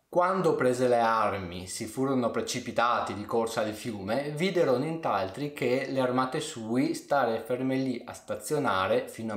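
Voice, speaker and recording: A man narrating a historical tale at a measured pace, with playful asides to his viewers. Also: on the low side, roomy sound. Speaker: history storyteller. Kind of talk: storytelling narration.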